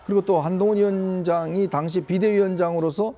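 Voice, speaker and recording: A man giving political analysis on a talk show, explaining at length in a measured way. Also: sits high, steady tone, mellow. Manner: explanatory, measured, with small laughs. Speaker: political commentator.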